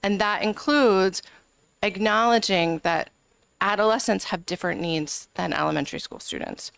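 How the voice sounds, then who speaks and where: Her voice mid-range, creaky yet fairly bright, clear and resonant, a woman legislator testifies before a committee at a moderate pace with no room sound. She earnestly argues for her amendment, filling pauses with many ums.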